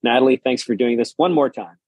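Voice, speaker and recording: Husky-voiced man hosting a podcast. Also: mid-range voice, fairly quick, darkish tone, dry recording. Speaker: podcast host. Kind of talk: podcast interview and scripted intro.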